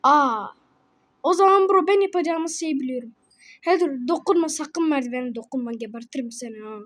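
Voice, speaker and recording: A woman chatting playfully through a game, excitable and quick to laugh, calling her friend bro. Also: sits high. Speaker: gaming video host. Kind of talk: casual gameplay chatter.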